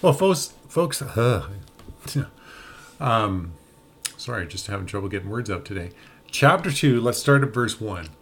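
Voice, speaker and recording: A man's voice: fairly low pitch, very animated, unhurried, a bit bright, slight background noise. A man casually reading Bible verses aloud and chatting, laughing often and tripping over hard names. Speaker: podcast co-host reading scripture.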